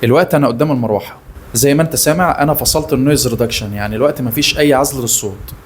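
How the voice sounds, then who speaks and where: Egyptian man talking into a loud fan. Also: mid-range voice, racing. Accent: Egyptian Arabic. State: speaking right in front of a loud running fan. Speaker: tech reviewer. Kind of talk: fast product demo talk. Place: small office studio. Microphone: small wireless clip mic held at varying distance. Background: whooshing fan noise.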